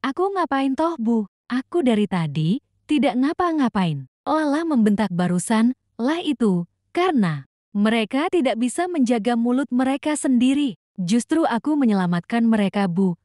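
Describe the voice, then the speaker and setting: A woman's voice: fairly high pitch, big pitch swings, moderate pace, a little mellow, dry recording, studio quality. A woman voicing a stern but loving middle-aged man who scolds his younger brothers. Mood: defensive. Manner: scolding, gruff.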